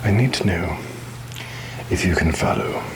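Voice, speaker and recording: A man playing a roguish, rum-obsessed pirate captain in a breathy, halting whisper for an ASMR roleplay, with wary, theatrical, mock-grand phrasing. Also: sits low, animated, background noise. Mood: sly, instructive.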